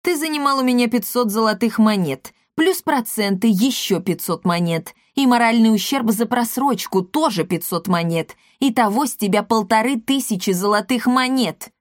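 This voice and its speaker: Loud blustering cattle trader, greedy man, as a woman acts him, high and slow, storybook. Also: expressive, no echo, studio quality, close to an everyday voice. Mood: furious. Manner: shouting, blustering.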